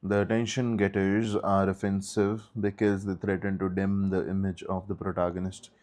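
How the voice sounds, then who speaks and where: Reading a textbook aloud for his study group, the leader speaks in a low-pitched, level, slightly mellow voice at normal speed. Every so often he pauses the steady reading to slip in a short aside.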